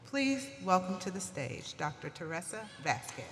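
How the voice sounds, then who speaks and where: A woman formally introducing a speaker at a ceremony, reading in a measured way. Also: fairly low pitch, big pitch swings, heavy background noise. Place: large auditorium. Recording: echoey large hall with faint ambience.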